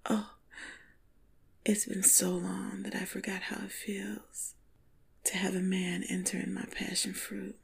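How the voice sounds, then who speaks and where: A woman narrating an intimate first-person story in a slow, sultry, breathy half-whisper. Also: on the low side. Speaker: podcast storyteller.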